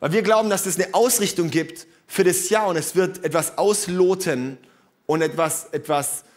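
High-voiced man preaching a casual sermon. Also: moderate pace, darkish tone. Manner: casual, emphatic preaching with frequent "hey" asides.

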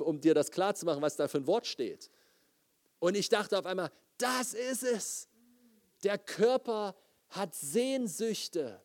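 A man preaching a lively sermon, often putting questions to his audience. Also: sits high.

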